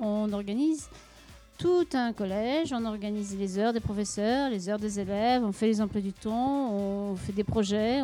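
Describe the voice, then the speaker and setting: A middle-aged woman from Paris answering interview questions as a school deputy head, in a measured, explanatory way with frequent hesitations. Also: mid-range voice, warm tone.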